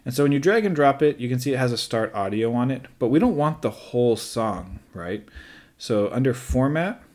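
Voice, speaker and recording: A man who is a teacher, calmly talking through a screen-recorded software tutorial step by step, with light joking asides. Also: mid-range voice, moderate pace.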